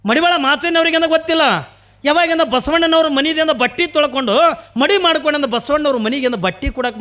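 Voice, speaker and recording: A man's voice: very high-pitched, bright, forceful tone. A man telling a devotional story as a purana preacher, sing-song and full of rhetorical questions.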